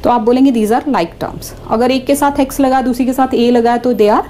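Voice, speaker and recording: A woman with an Indian accent teaching a maths lesson. She reads out each question slowly, then explains it in quick bursts, speaking straight to the students. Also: fairly high pitch, steady tone, mellow. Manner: switches between Hindi and English, addresses students directly. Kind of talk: classroom lesson explaining exercises.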